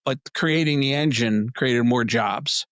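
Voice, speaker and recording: A man's voice: unhurried, dry recording. Emphatic male guest losing his voice. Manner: emphatic, plain-spoken, animated pitch jumps. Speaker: PR agency head, guest. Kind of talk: interview answers.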